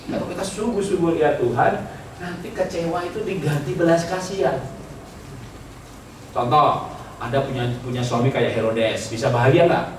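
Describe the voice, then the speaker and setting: A man preaching a sermon at a church retreat, humorous and teasing, laughing often with the congregation. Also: a little high. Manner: acts out people's prayers in mocking voices. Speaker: pastor. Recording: echoey hall, mic at a distance, background noise.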